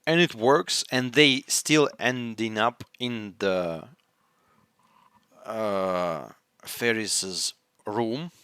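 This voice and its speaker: A man's voice: fairly low pitch, very slow, bright, forceful tone, clear, resonant tone, no echo, studio quality. A non-native English-speaking man hosting an anime reaction, talking casually and rambling as he searches for words. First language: not English. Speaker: anime reaction channel host.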